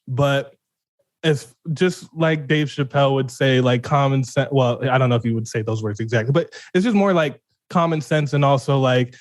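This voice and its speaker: A man's voice: medium pitch, steady tone, normal speed, no echo, studio quality. A man from Arizona co-hosting a podcast in casual chat, cursing freely and often breaking into laughter. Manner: giggly, keeps breaking into laughter, swears freely. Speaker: podcast co-host.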